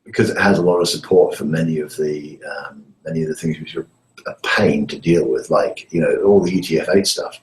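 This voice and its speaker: A man's very deep voice comes through a call line that keeps breaking up and rings with echo. He talks casually and hesitantly, full of pauses and fillers. It is a lecturer in an easygoing chat. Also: animated. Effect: remote call line that breaks up, with echo. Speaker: university lecturer. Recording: echoey, breaking-up call audio.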